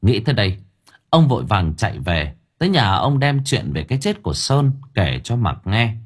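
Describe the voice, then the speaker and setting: Man, audiobook narrator, horror story, husky, lively intonation, lowish voice. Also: moderate pace. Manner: dramatic, animated storytelling.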